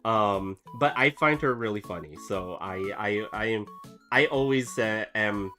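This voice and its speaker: Speaking a little slowly in a lowish voice, an artist chats casually during a streamed drawing session with soft music playing. He's recovering from a cough, and his talk rambles with plenty of fillers and restarts.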